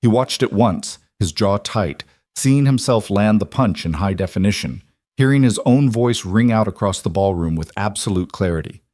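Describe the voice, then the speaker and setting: A man reading a dramatic story as its narrator in an even, measured way. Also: lowish voice, no room sound, studio quality. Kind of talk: scripted narration.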